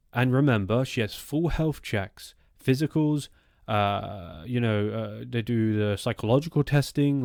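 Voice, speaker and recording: A man's voice: fairly low pitch, a little mellow, no echo, studio quality. A man narrating strange true encounters as a storytelling host, in a conversational, rambling way with informal asides.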